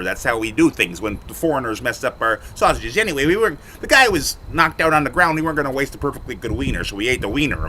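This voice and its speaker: A man telling an absurd story in a mock-serious, deadpan comic way. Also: on the high side, slight background noise, rough recording. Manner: mock-serious, rambling tall tale. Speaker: comedy co-host.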